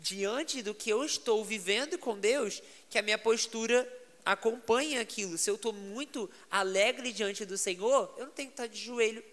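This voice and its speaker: A pastor with a Brazilian Portuguese accent tells stories in a lively, animated way and laughs easily. His voice is bright and clear. It is heard with a long reverb tail, as if in a large room. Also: sits high, moderate pace. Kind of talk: casual podcast chat.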